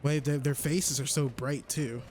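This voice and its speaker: A man from Texas giving rambling, casual let's-play commentary with sudden excited outbursts. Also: medium pitch, measured pace, a little hiss or hum. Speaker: gameplay commentator.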